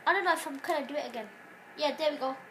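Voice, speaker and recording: Her voice sits high and she talks very fast, giving casual, wandering gameplay commentary for her gaming channel while sick. Nasal and interrupted by coughing, she is recorded on a phone facing a TV in a dark room, and a little hiss or hum is audible.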